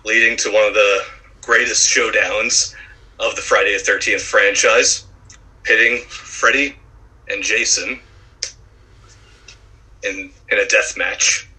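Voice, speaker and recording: A man's voice: lowish voice, steady tone, takes it slowly, long pauses, sharp tone, slightly rough, rough recording. A man co-hosting a casual podcast chat, talking in a rambling, hesitant way. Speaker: podcast co-host.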